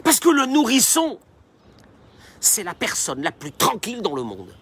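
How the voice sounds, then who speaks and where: A rabbi preaches in a lively, animated voice that sits high and leaps up and down. His tone is bright and forceful as he talks straight to his listeners, with faint noise in the background. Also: measured pace, husky. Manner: animated, emphatic, addressing listeners directly. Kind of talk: sermon.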